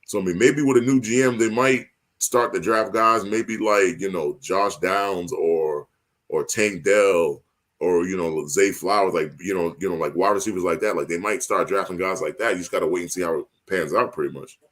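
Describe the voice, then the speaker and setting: A man's voice: deep voice, moderate pace, a bit bright. A man co-hosting a casual sports podcast, rambling with lots of filler words and getting heated and emphatic. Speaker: podcast co-host.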